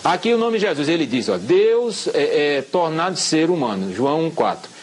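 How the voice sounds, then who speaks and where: Husky man explaining scripture. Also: on the high side, sing-song. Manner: explains slowly, showing pages, checks with "tá certo?". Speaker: guest Bible scholar. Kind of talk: explanatory talk show interview.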